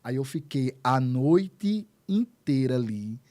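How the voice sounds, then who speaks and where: A man's voice: medium pitch, very animated, slow pace, dark tone. A man, a pastor, telling his testimony as an interview guest, earnest and repeating words for emphasis. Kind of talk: emotional testimony in conversation.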